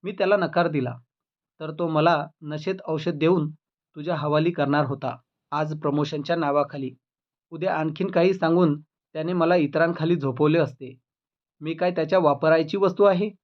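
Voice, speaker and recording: A man's voice: on the high side, fairly even intonation, normal speed, highs cut off, natural voice. A man reading as a bitter wronged wife. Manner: cold, cutting reproach.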